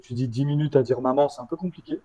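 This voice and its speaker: A man with a slight leftover stutter, a startup founder answering interview questions in a halting way, with many restarts. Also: medium pitch, mellow, rough recording. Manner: halting, with restarts and repeated words.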